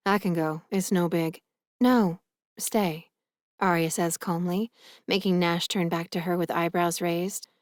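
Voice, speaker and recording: A woman narrating a first-person romance audiobook with a lively, expressive reading. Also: fairly low pitch, no room sound, clean studio sound.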